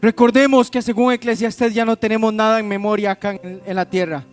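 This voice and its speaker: A man's voice: sits high, flat delivery, a little fast, smooth. A man preaching a pentecostal sermon, calling out to the congregation with questions. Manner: addresses the congregation as "iglesia", asks questions to the crowd. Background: instrumental music.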